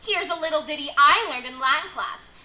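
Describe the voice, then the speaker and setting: A woman's voice: high-pitched, fairly quick, bright, forceful tone. A woman playing Circe, whiny dramatic sorceress. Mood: spiteful. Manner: valley-girl whiny pleading, over the top. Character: vain, dramatic young sorceress ex-fiancée. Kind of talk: amateur comedy skit. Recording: roomy echo, faint noise.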